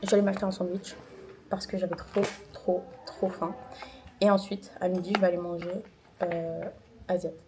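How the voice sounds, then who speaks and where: A woman's voice: on the low side, level tone, normal speed, background noise. A young woman vlogging about her day as a student, tired, and retelling a clash with a teacher in a chatty, indignant way. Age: young adult. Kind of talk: casual vlog storytime.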